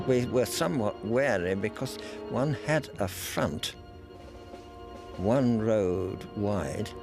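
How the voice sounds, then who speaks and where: An older veteran speaks slowly and with care, his low voice rough with gravel. He looks back on events in a measured, reflective way, while soft music plays faintly underneath. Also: animated. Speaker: war veteran interviewee. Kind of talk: recalled wartime memories.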